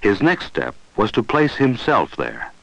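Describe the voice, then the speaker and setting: A man reading scripted narration for a 1960s educational film in a formal, deliberate manner. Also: lowish voice, wildly swooping pitch, creaky, a bit bright, no echo. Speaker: documentary narrator. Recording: dull vintage film soundtrack, dry.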